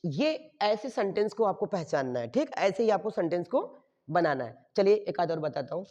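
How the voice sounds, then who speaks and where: A man's voice: high-pitched, sing-song, normal speed, darkish tone. A male teacher explaining grammar to his class, asking questions and answering them himself, often checking in with "okay?". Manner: checks in with "okay?" after each step. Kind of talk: grammar lesson. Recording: dull muffled sound with long reverb.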